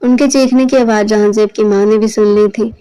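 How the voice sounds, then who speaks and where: A woman narrating a romance novel aloud, steady and storytelling, carrying the characters' dialogue. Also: mid-range voice, smooth, low-quality recording. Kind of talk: scripted novel reading.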